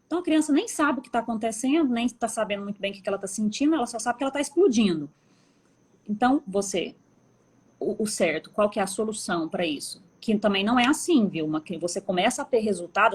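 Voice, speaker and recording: A Brazilian woman, a mother of three, chatting as a guest on a live stream, telling lively stories about her kids and quoting what she tells them. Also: mid-range voice, breathy edge. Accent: Brazilian Portuguese. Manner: animated storyteller, quotes herself talking to her kids. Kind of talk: casual conversational storytelling.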